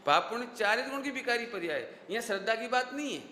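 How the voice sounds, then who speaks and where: A man with a high, bright, ringing voice preaches to a seated crowd and keeps firing questions back at his listeners. He repeats key phrases on purpose so they stick. His voice echoes through a large hall over a faint hiss. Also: lively intonation, fast. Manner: drills the audience with repeated rhetorical questions. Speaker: Jain scholar giving a lecture. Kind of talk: sermon with questions to the audience.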